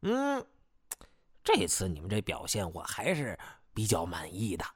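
A man's voice: sits low, sing-song, slightly rough, pitched below the performer's own voice, full character voice. A man voicing a vain, pompous male police chief who speaks in a smug, officious way. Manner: smug, officious, drawn-out speech.

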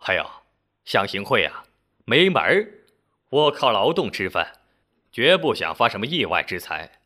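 A man voicing a blunt, loud middle-aged street bike repairman who scoffs and talks bluntly in a storytelling recording. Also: fairly low pitch, big pitch swings, a little slow, full character voice. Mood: scornful.

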